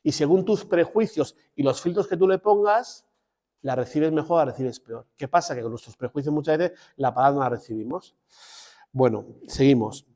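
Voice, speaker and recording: Man, parish priest, slightly high voice, conversational teaching, digressive asides. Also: moderate pace, warm tone. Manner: conversational and digressive, with restarts and direct asides to listeners. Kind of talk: parish formation talk.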